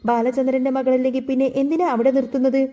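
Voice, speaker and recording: A woman's voice: sits high, little pitch movement, fast, dark tone, lightly acted. A woman narrator voicing a quarrelsome older woman who keeps butting into the row in a storybook retelling. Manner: quarrelsome, interjecting.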